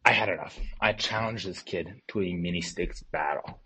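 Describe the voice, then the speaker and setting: A man telling an animated childhood story in a voicemail to a podcast. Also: low voice, normal speed, slightly rough, rough recording. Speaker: voicemail caller.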